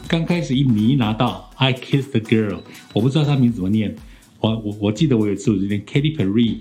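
Mellow-voiced man, chatty DJ host. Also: fairly low pitch, fast talker, soft background music. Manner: chatty, teasing, spells words out letter by letter. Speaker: podcast host and radio DJ. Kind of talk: casual chat.

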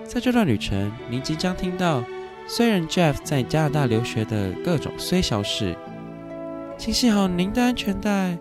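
A man's voice: sits high, big pitch swings, normal speed, voice pushed up. A man putting on the voice of a joking airline cabin announcer, with a sing-song lilt. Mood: mock formal. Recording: music bed behind voice.

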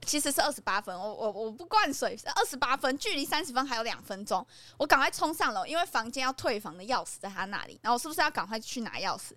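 A woman speaking Mandarin with a Taiwanese accent tells a story on a podcast in a high, bright voice that races along. Her pitch swoops up and down as she acts out what other people said. The recording is close and dry. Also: fast talker, dry recording. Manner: animated storytelling, acts out quoted lines. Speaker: podcast co-host. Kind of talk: casual chat.

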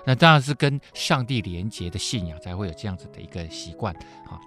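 A man hosting a radio Bible teaching program, explaining scripture with lively storytelling full of filler particles. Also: lowish voice, a little fast, faint music behind.

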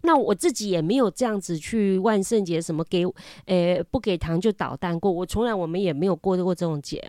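Woman, Taiwanese Mandarin accent, casual storytelling, animated, repeats words, dry voice. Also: brisk, no room sound. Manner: animated, repeats words, lively pitch jumps. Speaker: mother telling a story.

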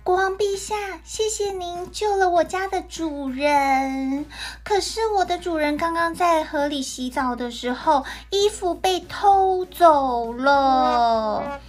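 A woman's voice: high-pitched, takes it slowly, voice pushed up. A woman voicing a clever eager cat in boots. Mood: polite eager. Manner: eager, polite and persuasive. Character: clever scheming male cat servant in boots.

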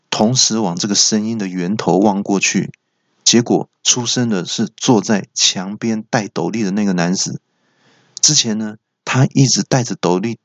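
A man hosting a comedy podcast, telling a comic story in an animated, playful way and stammering for effect. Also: fairly low pitch, no echo, lo-fi sound. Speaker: podcast host.

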